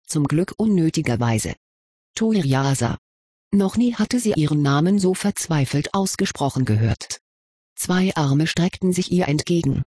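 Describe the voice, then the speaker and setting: A narrator reading a story aloud in an even, measured way. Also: mid-range voice, slightly rough, no room sound, clean studio sound.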